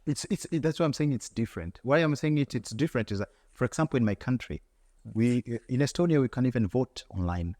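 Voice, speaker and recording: A man's voice: mid-range voice, animated, fast talker, dark tone, in a large hall. A man from Tanzania, answering as an interview guest in an earnest, reflective way, often repeating words and restarting.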